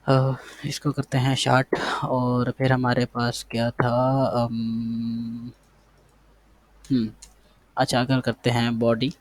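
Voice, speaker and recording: Flat-voiced man thinking aloud while coding. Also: mid-range voice, slow, pauses often. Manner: thinks aloud while typing, repeats words, talks to the code. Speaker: coding tutor. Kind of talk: casual screen-share coding lesson.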